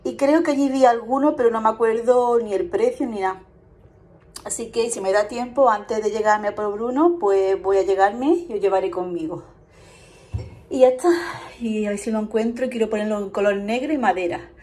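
A chatty woman rambles through her plans while filming herself on a phone in her kitchen. Her voice sits a little high, and she often stops to correct herself. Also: normal speed, a little mellow. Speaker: vlogger. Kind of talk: casual chat. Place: home kitchen, indoors. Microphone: handheld phone camera.

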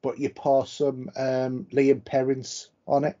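A man with a mellow, slightly husky voice trades dry, teasing jokes in easygoing podcast chat. The recording sounds dull and lo-fi. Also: mid-range voice, monotone, measured pace. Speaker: podcast co-host. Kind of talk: casual chat.

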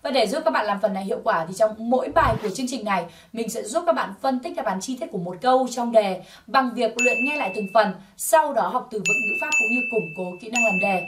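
A woman teaching an English test-prep lesson, slowly drilling English words for learners to repeat. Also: on the high side, lively intonation, a bit bright, recorded from a distance, a little hiss or hum. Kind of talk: scripted language lesson.

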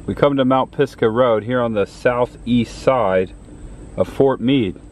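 Here a travel vlogger with a medium-pitched, darkish voice speaks at a measured pace, casually narrating as he explores roadsides and a small diner. Chatty and enthusiastic, he points things out to a handheld camera at arm's length, with outdoor traffic noise behind.

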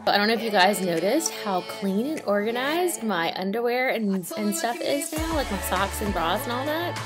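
A woman in her thirties chatting casually to her phone camera in her living room while she folds laundry, upbeat and quick to laugh. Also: medium pitch, lively intonation, over loud music. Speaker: home vlogger.

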